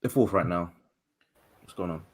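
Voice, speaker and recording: A man with a low voice comes through a remote call that cuts out now and then. He runs through match results and table positions, thinking out loud as he goes. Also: normal speed. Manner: runs through scores and league standings, thinking aloud. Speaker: podcast guest. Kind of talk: casual football chat. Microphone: remote call with dropouts.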